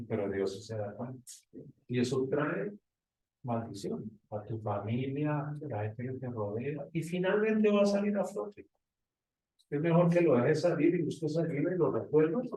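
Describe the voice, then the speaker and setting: Male pastor, sermon delivery, rhetorical questions, mellow tone, distant roomy church sound. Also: fairly high pitch. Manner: preaching with rhetorical questions to the congregation. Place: church hall. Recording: echoey hall from far off.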